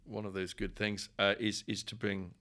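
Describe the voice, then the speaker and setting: This podcast guest, a middle-aged professor from England with an English accent, has a lowish, bright voice, a level tone and a forceful delivery at moderate pace. In the conversational interview he rambles wryly, repeating words as he works out his thoughts.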